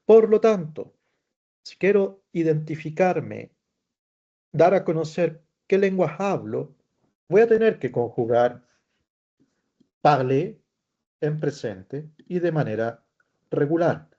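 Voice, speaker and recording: A male French teacher gives an online lesson at an unhurried pace, patiently repeating each example phrase. His voice is mellow and dark, and the recording sounds dull and lo-fi. He keeps an even, middle pitch.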